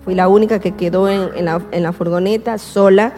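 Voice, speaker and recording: A woman telling her personal testimony slowly and with emotion, often repeating herself and quoting her prayers. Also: mid-range voice, steady tone, dark tone, long reverb tail, soft background music.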